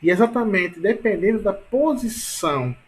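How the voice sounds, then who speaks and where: A man's voice: sits high, animated. A man teaching a grammar lesson online from his computer, explaining patiently, repeating himself, and checking in with tag questions. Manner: repetitive, filler-heavy explaining with frequent tag questions; stretches key words slowly for emphasis.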